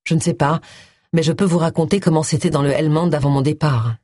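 A reader voicing George, a quiet, modest male ex-army major, in an audiobook, giving brief, understated answers. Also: medium pitch, steady tone, a little fast, no echo, studio quality, lightly acted.

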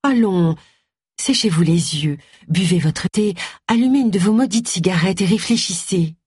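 Woman doing a vicar's wife, audiobook, gentle, firm, breathy, dry close sound. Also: fairly low pitch, normal speed, no room sound. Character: composed, kindly middle-aged vicar's wife.

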